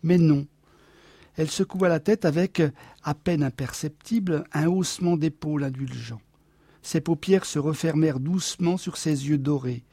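A man narrating literary fiction as an audiobook in a measured, expressive storytelling manner. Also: a little high, no echo.

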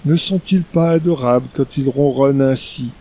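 A man's voice: mid-range voice, moderate pace, warm tone, close to an everyday voice. A man reading an audiobook, voicing an imperious woman ruler who talks down to her caged pet in a cooing yet commanding way.

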